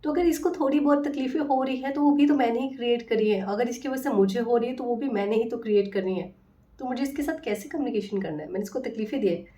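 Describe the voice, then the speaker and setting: A woman healing coach talking casually to viewers in a soft, affectionate and earnest way. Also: a little high, fast, distant mic. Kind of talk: casual motivational talk to viewers.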